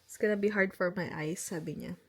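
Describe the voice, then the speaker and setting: A woman's voice: fairly low pitch, fairly even intonation, fast, breathy edge. A woman in her thirties with a Filipino accent, chatting casually on her home vlog while lying down. She talks chattily, switches languages mid-sentence and laughs often. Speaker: vlogger and channel host.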